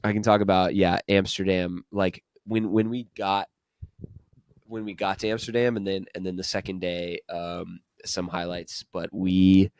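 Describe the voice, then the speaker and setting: A man's voice: low voice, steady tone, unhurried, darkish tone, a little hiss or hum. A man hosting a podcast, telling travel stories in a casual, chatty way and laughing often. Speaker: podcast host.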